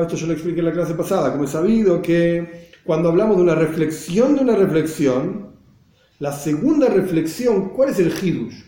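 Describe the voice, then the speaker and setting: A man's voice: fairly high pitch, warm tone, echoey room. Argentine man teaching a text class. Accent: Argentine Spanish. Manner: reads Hebrew phrases then explains them, checks on the students.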